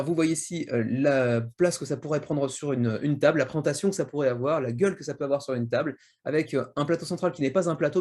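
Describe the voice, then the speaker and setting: A man's voice: on the high side, dark tone. A man hosting a board game channel, talking casually through crowdfunding projects with lots of fillers and restarts. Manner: rambling, full of fillers and restarts. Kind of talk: casual video review narration. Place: home in Japan.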